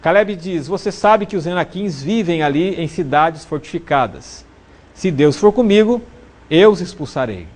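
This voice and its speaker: A man giving a sermon, reading scripture and then teaching in a steady, earnest way. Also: a little high, normal speed. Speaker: preacher.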